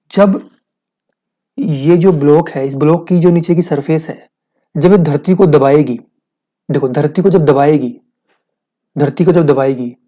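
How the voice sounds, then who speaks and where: A man's voice: on the high side, mellow, muffled recording. A man teaching a physics lesson, explaining step by step, asking his students questions and repeating key points.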